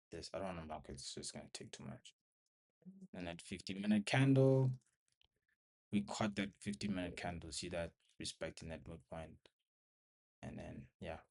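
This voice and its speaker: Young male trading vlogger, low voice, short choppy live commentary, slightly winded. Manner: talks to viewers while watching the screen, in short broken phrases. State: out of breath. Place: bedroom at home.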